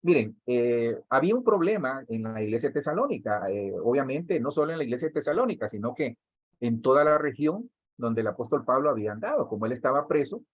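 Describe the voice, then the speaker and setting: A Honduran man preaching a teaching sermon to church workers in a slightly husky, middle-pitched voice. He talks straight to his listeners, often repeating a word to build emphasis. The sound is dry and close, with little room echo. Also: very animated, fairly quick, phone-quality sound. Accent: Honduran Spanish. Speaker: pastor.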